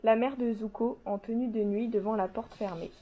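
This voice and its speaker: Woman calmly reading stage directions. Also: a little high, normal speed, low-quality recording. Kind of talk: scripted narration.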